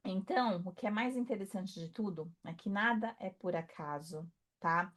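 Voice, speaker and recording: A woman speaking as a spiritual coach, talking softly and reassuringly to the listener, with many fillers and tag questions. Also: mid-range voice, moderate pace. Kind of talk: intimate motivational talk to camera.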